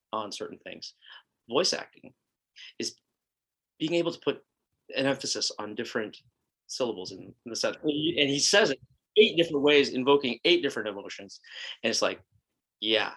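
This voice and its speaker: A man's voice: fairly low pitch, pushed and bright, low-quality recording. A middle-aged man co-hosting a podcast, talking in a reflective, casual way and restarting his phrases often. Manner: reflective, repeats words when restarting. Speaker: podcast co-host.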